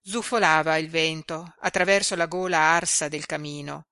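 A woman volunteer reader from Italy narrating a novella in a measured, expressive way. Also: deep voice, dry recording, clean studio sound. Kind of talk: scripted narration.

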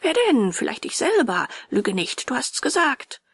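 A woman voicing a hot-tempered old male woodcarver, touchy and quick to flare up. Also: fairly high pitch, very animated, fairly bright tone, husky, dry recording, clean studio sound, voice pushed up, full character voice. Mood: angry.

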